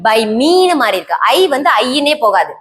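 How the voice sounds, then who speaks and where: A woman's voice: sits high, big pitch swings, a little slow, a bit bright, a little hiss or hum. A woman teacher with a Tamil accent giving a classroom grammar lesson, quizzing students and repeating key terms, answering her own questions. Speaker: English teacher.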